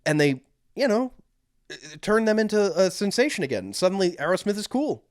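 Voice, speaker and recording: A man's voice: high-pitched, big pitch swings, a little fast, no room sound, studio quality. A young man co-hosting a podcast, telling stories in a rambling way with lots of fillers. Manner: rambling, filler-heavy storytelling. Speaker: podcast co-host. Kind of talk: casual chat.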